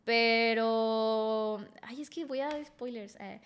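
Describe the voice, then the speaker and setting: A woman's voice: on the high side, slow pace. A woman with a Mexican accent, a podcast guest telling a personal story frankly and emotionally, full of fillers.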